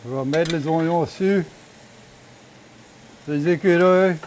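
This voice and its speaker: Elderly Cajun man, slightly high-pitched voice. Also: measured pace, a little mellow, rough recording. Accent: Cajun Louisiana. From Louisiana. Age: elderly, 70s or older. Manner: plain, folksy, short phrases. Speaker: home cook and storyteller. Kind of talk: casual cooking demonstration and storytelling. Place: home kitchen, indoors. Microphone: lapel microphone. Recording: clearly audible room and kitchen noise.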